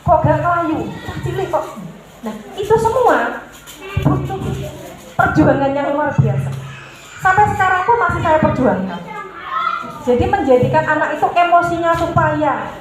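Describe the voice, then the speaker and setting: A woman's voice: high voice, big pitch swings, moderate pace, pauses often, music in the background. A woman giving a religious parenting talk to mothers. She calls her listeners "Bunda" and answers her own questions. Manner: mixes in Javanese words. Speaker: parenting speaker. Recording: very echoey hall with noise.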